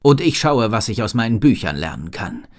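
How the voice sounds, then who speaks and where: A man's voice: on the low side, big pitch swings, a little fast. A man doing a thoughtful commanding wizard.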